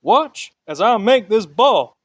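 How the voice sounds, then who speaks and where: A man's voice: high-pitched, big pitch swings, takes it slowly, no room sound, heavily acted. A man voicing a chatty puppet stage magician with theatrical, exclamatory patter in a puppet talent show act. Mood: showy, upbeat.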